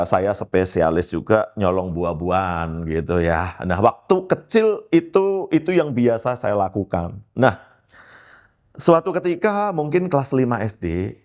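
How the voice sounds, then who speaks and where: A man, a pastor, telling his life testimony in a lively storytelling way, often turning to address his listeners directly. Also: mid-range voice.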